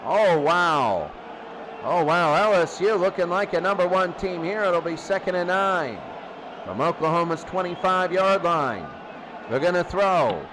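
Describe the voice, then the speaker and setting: Over a noisy background, a high-pitched, expressive man announces a football game a little slowly. His excitable play-by-play comes in brief, clipped bursts, with phrases often said twice.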